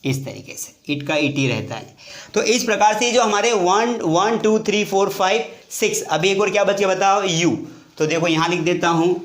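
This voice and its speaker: A man, teaching a lively whiteboard English grammar lesson in a classroom and often asking questions of his students. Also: high voice, normal speed. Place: classroom with board. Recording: echoey room.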